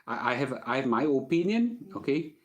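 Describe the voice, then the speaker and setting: Here a middle-aged Singaporean man fields personal finance questions in a very animated, medium-pitched voice at normal speed. His delivery is casual and full of Singlish phrasing, with a habitual "okay?" to check in.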